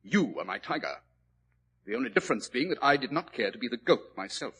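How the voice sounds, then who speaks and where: Sherlock Holmes, smug and ironic. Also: male voice, medium pitch, very animated, a little fast, fairly bright tone. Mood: smug triumph. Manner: crisp, ironic, self-assured. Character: Sherlock Holmes, cool triumphant male detective. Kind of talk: 1940s radio acting. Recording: old 1940s radio broadcast.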